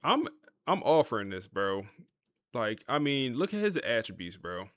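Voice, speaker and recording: A man's voice: medium pitch, sing-song, moderate pace, fairly bright tone, dry recording. A man hosting a gaming livestream, chatting casually to his viewers in a laid-back, talkative way while he plays. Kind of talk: casual live-stream commentary.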